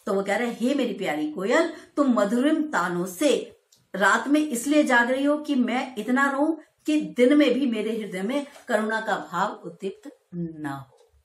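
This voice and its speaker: A woman teaching a school poetry lesson, her voice a little high. She reads each verse slowly and expressively, then explains it in everyday speech. The sound carries a roomy echo. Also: expressive. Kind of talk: explaining a Hindi poem to school students.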